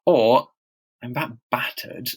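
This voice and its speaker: Podcast co-host, man with a stammer, mid-pitched, rambling and self-mocking. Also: takes it slowly. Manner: stammers, with blocks and repeated sounds; loose and chatty, with lots of fillers and self-deprecating asides. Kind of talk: casual chat.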